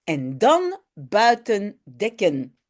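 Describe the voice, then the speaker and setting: A woman voicing a patient mother in a children's storybook, explaining things gently. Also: mid-range voice, huge pitch swings, extremely slow, exaggerated voice.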